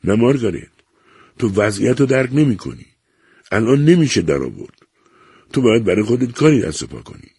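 A man's voice: lowish voice, big pitch swings, creaky, pauses often, mellow, husky, no room sound, clean studio sound, pitched above the performer's own voice, exaggerated voice. A man voicing a desperate middle-aged man who pleads in a strained, raised voice, for an audiobook. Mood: pleading.

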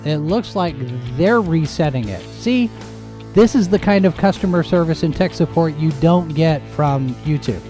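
Higher-voiced man hosting, music faintly behind. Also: moderate pace, mellow. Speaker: host and editor of a live show. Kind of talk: casual live-stream news chat.

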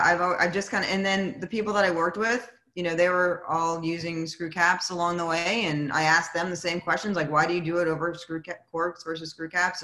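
Lively woman winemaker on a video call. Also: fairly low pitch, roomy sound, poor audio. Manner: animated, acts out quoted voices. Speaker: winemaker guest. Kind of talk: casual storytelling chat.

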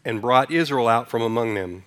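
With a mid-range, fairly bright voice at a normal pace, a man from Sudan preaches conversationally as pastor. He puts questions to the congregation before leading them through a responsive reading, line by line.

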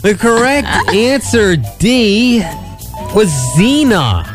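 A man hosting a live radio quiz, bantering with contestants in an animated way. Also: very high voice, slow pace. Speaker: quiz show host. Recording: music playing behind the voice. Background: game show music.

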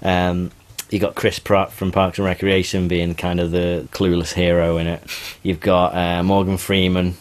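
A man's voice: low-pitched, flat delivery, moderate pace. A young man hosting a casual podcast, talkative and teasing, often stammering as he restarts a sentence. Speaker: podcast host. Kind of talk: casual chat.

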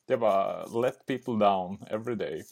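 Podcast guy chatting, really low voice, laughs at himself a lot. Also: gravelly, darkish tone, slightly rough. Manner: laughing, self-mocking, swears casually. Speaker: podcast co-host. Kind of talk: casual chat.

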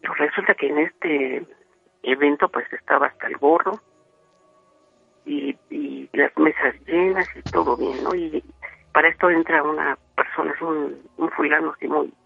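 A man's voice: on the high side, moderate pace, vocal fry, husky, no room sound. A Mexican man telling a spooky story over the phone, rambling with many fillers. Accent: Mexican Spanish. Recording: tinny phone line.

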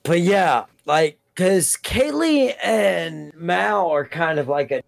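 A man's voice: a little high, lively intonation, slow pace, vocal fry, dry recording. A man co-hosting a casual chat about a TV episode, rambling, restarting his sentences and swearing now and then. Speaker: podcast co-host.

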